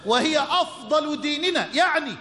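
Fervent Egyptian preacher in an echoey hall. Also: male voice, very high-pitched, expressive, moderate pace, bright, forceful tone. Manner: fervent, quotes with rising emphasis, breaks into colloquial asides. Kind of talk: sermon storytelling. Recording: echoey hall with long reverb.

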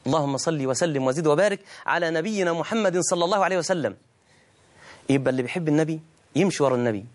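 A middle-aged Egyptian-accented man delivers a sermon in a fairly high-pitched voice. He is emphatic and drawn out, lifting his tone for scripture and answering his own imagined questions. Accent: Egyptian Arabic. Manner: emphatic, slows and rises for scripture, plays both sides of a dialogue. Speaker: preacher.

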